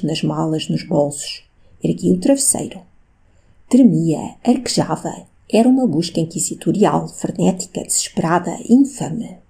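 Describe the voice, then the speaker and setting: Husky, dark-voiced woman audiobook narrator. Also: fairly low pitch. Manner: expressive first-person reading. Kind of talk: scripted narration of a classic novel.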